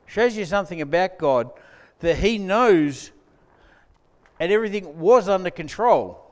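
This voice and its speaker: A man's voice: high-pitched, expressive, measured pace, darkish tone. A man preaching a sermon as pastor, conversational with joking asides to the congregation, on a mic in a church hall. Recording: long hall reverb.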